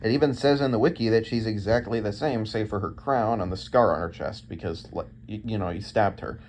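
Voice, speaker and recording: A man's voice: fairly low pitch, a little fast, a little mellow. Man giving casual video commentary, noisy background. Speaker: video host. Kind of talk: casual scripted ranking commentary.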